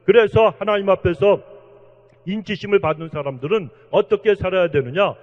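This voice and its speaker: A man's voice: high voice, fairly quick. A male senior pastor preaching a sermon, earnestly exhorting and often addressing the congregation directly. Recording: dull, reverberant church hall recording.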